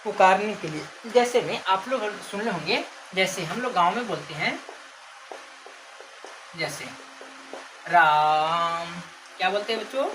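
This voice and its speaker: Teaching a grammar lesson to kids at normal speed, this expressive, mid-range-voiced woman keeps posing questions to the class. She elongates example words, including names she calls out, while background noise fills the recording.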